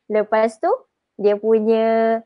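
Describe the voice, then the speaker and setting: A woman with a Malaysian Malay accent teaching Arabic pronunciation in a live online lesson, chatty, drawing example words out slowly. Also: a little high, completely flat delivery, clean tone, dry recording, muffled recording.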